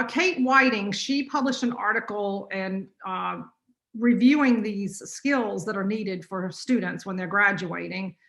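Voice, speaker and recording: A middle-aged woman with a North Carolina accent gives an online conference talk as a college teacher. She talks fast and chatty, full of little fillers, in a bright, forward voice. It sounds like a computer mic on a video call. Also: mid-range voice. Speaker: college business teacher presenting.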